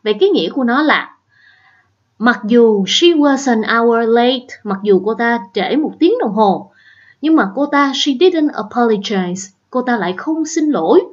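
A woman's voice: on the high side, expressive, measured pace, muffled recording. Southern Vietnamese woman teaching English. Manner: patient step-by-step explaining with check-in questions. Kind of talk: exam prep lesson.

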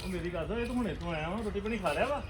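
An actor playing a gruff father who bickers with his wife and keeps asking "huh?" in a family drama. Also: high-pitched, expressive, racing, music in the background. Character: gruff older father-in-law.

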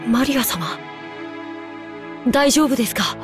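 A quiet, curt young male servant, voiced by an actress, lively in pitch. Music plays clearly behind him in this game scene. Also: normal speed, lightly acted. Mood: bitter.

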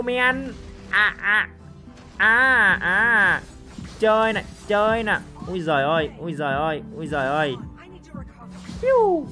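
A man giving excited live commentary over a mobile game he is playing, full of repeated cries and joking boasts to viewers. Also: high-pitched. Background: game music.

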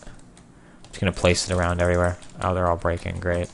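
Young male gamer, low voice, sarcastic running commentary, occasional loud outbursts. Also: monotone, fairly quick, creaky, a little hiss or hum. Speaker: gameplay video creator. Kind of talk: casual gameplay commentary.

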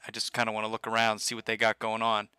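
A man's voice: on the low side, completely flat delivery, fast talker, pushed and bright, clean tone, no echo. A young man chatting casually as a player in a tabletop game. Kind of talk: casual game chat with bits of role-play.

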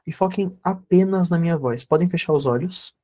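A man, a therapist teaching an online workshop and leading a guided meditation with calm, repetitive instructions over a video call. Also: a little high, normal speed.

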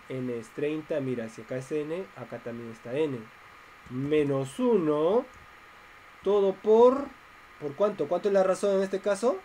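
A man's voice: fairly high pitch, mellow, a little hiss or hum, poor audio. A man teaching a math class online, explaining step by step and asking his students questions.

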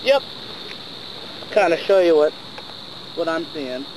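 A man's voice: a little high, animated, takes it slowly. A man who flies racing drones, chatting casually in an open park and answering with short, easygoing replies. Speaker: drone pilot. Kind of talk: casual chat outdoors. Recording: noisy outdoor recording.

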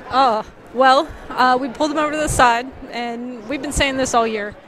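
A woman in her thirties, a high school volleyball coach, answering postgame questions earnestly with many filler ums, on a headset mic courtside in an empty gym. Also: steady tone, moderate pace, crowd noise. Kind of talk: postgame interview.

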